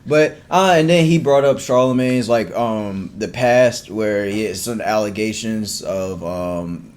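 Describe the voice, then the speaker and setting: A man's voice: lowish voice, unhurried, a little mellow. A man from Virginia co-hosting a podcast, chatting about sports in a loose, rambling way with many fillers and restarts. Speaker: podcast co-host. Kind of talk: casual sports chat.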